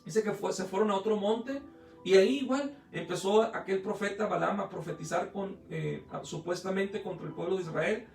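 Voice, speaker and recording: A man's voice: sits high, normal speed, creaky, a little mellow, reverberant, recorded from a distance, soft background music. A man preaching a sermon as pastor, retelling a story with acted quotes, often hesitating and restarting. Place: church hall.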